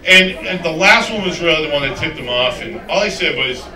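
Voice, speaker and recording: On a comedy club stage, a stand-up comedian with a brisk, high-leaning voice and lively intonation does a rambling, self-mocking routine full of crude jokes. He is far from the mic, and the roomy club sound picks up the crowd and their laughter.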